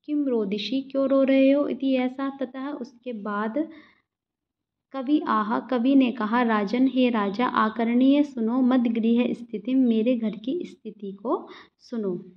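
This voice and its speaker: A woman teacher slowly explaining a Sanskrit text, repeating each phrase and translating it. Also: a little high. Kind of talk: line-by-line Sanskrit explanation in Hindi. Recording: dull lo-fi recording.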